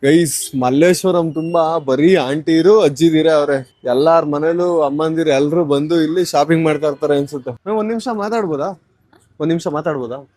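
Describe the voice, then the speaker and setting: A man's voice: a little high, normal speed, darkish tone, no echo. A man vlogging outdoors on a shopping street, stopping strangers politely and chatting to his viewers. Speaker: vlogger doing a street challenge. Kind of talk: casual street vlog, talking to camera and strangers.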